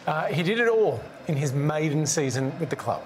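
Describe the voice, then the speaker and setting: A man's voice: fairly high pitch, very animated, normal speed, a little hiss or hum. A man hosting a TV talk show, introducing a story and chatting with a remote guest in an upbeat, jokey way. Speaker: TV show host. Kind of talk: broadcast TV talk.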